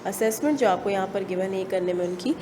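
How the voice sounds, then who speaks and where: A woman teacher with a Pakistani accent, giving an online class, dictating sentences slowly word by word and then explaining them. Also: medium pitch. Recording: long reverb, faint room noise.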